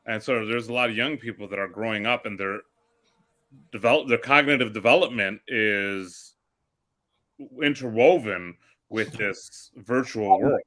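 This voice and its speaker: A man with a bright, sharp tone talks over a casual group chat. He muses reflectively and keeps turning things into probing questions. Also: lowish voice, a little slow.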